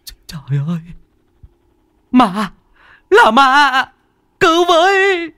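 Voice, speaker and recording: Man doing a shrill, screaming young boy. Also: big pitch swings, takes it slowly, sharp tone, dry recording, studio quality, exaggerated voice. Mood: terrified. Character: terrified young boy, desperate and furious.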